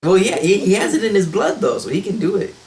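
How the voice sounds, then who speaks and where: A man's voice: high voice, very animated, quick pace, a little mellow. A man hosting a casual podcast chat over a voice call, blunt and wisecracking as he runs the show. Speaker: podcast host. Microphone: voice call microphone.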